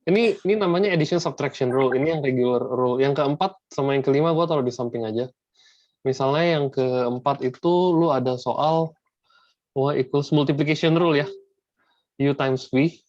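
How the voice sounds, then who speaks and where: Over a video call with dull, lo-fi sound, a man tutors math casually, using slang and dropping in English math terms. His voice is medium-pitched and a little mellow, he speaks at normal speed, and there's no echo.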